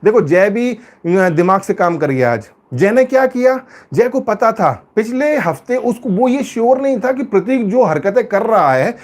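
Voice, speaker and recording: A man with a very high voice talks through a reality show episode in a loose, casual way. He is emphatic and says his points again and again. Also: lively intonation, normal speed, hardly any pauses, a little mellow. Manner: emphatic, repetitive, acts out quoted lines. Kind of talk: casual spoken show review.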